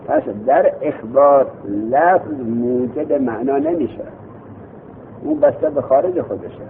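Gravelly guy teaching a seminary class, quizzes students, tinny phone-ish audio. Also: on the high side, slight background noise. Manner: questions students and repeats their answers. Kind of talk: seminary grammar lesson.

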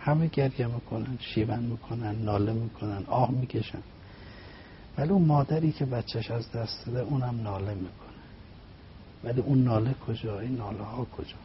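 A man as a religious guest speaker, explaining poetry through a story in animated, rhythmic phrases. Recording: slightly dull with faint rumble.

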